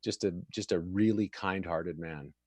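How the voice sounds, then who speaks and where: A man's voice: sits low, a little slow, darkish tone, husky, no room sound. A man hosting a casual live chat show, laughing easily and poking fun at himself. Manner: laughs often, chatty, self-deprecating. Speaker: show host.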